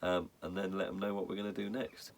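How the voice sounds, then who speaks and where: A man's voice: sits low, flat delivery, quick pace. A man chatting casually as a co-host, with a dry, offhand and informal way of talking. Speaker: whisky show co-host. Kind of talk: casual chat. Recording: clearly audible background noise with clicks.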